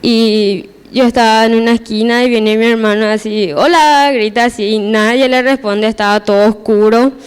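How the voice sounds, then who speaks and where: A woman's voice: on the high side, level tone, moderate pace, few pauses, smooth. A teenage girl giving a personal church testimony, hesitant and repeating her words as she restarts.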